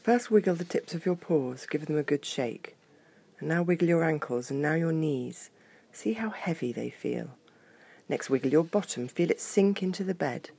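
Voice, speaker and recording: A woman's voice: deep voice, normal speed, vocal fry, breathy edge, full character voice. Woman doing a kind father bear. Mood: patient. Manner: calm, patient, instructive. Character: kind father bear teaching his cub.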